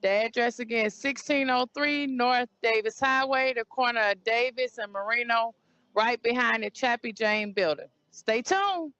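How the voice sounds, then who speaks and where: A woman making a short live promo and repeating the key details clearly. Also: fairly high pitch, normal speed, sharp tone, highs cut off, a little hiss or hum.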